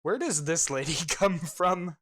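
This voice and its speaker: A man's voice: fairly high pitch, animated, unhurried, heavy background noise. A man casually chatting while playing a game and thinking aloud as he goes. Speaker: co-host of a game playthrough. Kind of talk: casual let's play chat. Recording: music playing underneath.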